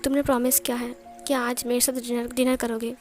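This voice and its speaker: A woman voicing a devoted young man who pleads softly with his beloved in a read-aloud story. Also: fairly high pitch, level tone, fairly quick, soft background music, natural voice. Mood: tender.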